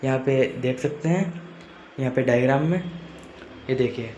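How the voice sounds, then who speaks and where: A man's voice: medium pitch, normal speed, dark tone. A man teaching a chemistry lesson, repeating points and often checking in with students. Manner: repeats points, frequent "theek hai" check-ins. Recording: echoey room with faint noise.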